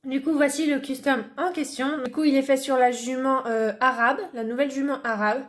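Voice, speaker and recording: A chatty woman from France talks through a relaxed show-and-tell vlog. Her voice sits a little high, and she fills her sentences with hesitations and small restarts. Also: fairly quick. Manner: chatty, many fillers and restarts. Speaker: hobby vlogger.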